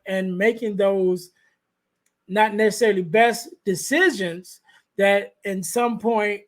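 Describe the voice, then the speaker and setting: With fairly even intonation, a man hosts a conversational podcast interview into a podcast microphone. His light, high voice comes out soft and halting, and he keeps restarting phrases and using fillers while thinking aloud.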